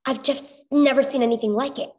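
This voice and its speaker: A woman's voice: sits high, steady tone, fairly quick, darkish tone, pitched above the performer's own voice, natural voice. A woman voicing an earnest, level-headed young female hero in a storybook reading. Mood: hesitant.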